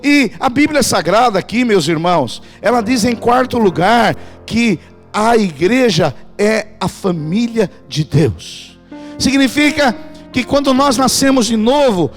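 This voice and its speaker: A man preaches with a strikingly high voice, pressing his congregation to answer back. Soft music sits faintly under his sermon in the church. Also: animated, a little slow. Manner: emphatic, calls the congregation to respond. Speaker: pastor. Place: church in Portugal.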